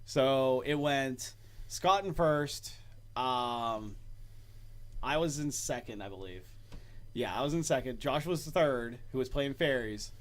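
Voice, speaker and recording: A man's voice: medium pitch, slow. A man hosting a casual podcast, telling stories with frequent laughter. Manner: storytelling, laughs often. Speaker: podcast host. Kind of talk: casual chat.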